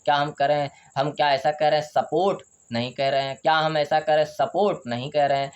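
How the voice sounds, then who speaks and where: A man's voice: fairly high pitch, flat delivery, smooth, dull audio. Man quizzing and answering himself. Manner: drills by asking questions and answering them himself; spells out letters slowly, then says the word. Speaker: English teacher. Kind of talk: video lesson on English pronunciation.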